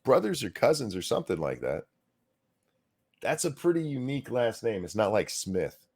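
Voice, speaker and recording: A man co-hosting a live stream, in relaxed, matter-of-fact casual chat. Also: mid-range voice, normal speed, husky.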